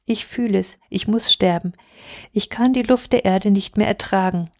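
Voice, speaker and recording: A young storybook mother longing for a heavenly realm, soft and pleading in an otherworldly way, as a woman reads her aloud. A faint gravel runs through the dry, close voice. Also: medium pitch, normal speed, no room sound, lightly acted. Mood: fading. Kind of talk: storybook reading.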